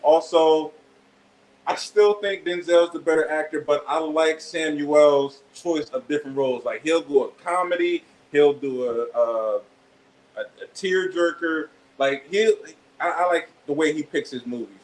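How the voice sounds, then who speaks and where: A man co-hosting a casual podcast, halting and repeating himself as he rants. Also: on the high side, darkish tone, a little hiss or hum, low-quality recording. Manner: halting, starts with repeated "I"s, ranting. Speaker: podcast co-host. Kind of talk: casual live podcast chat.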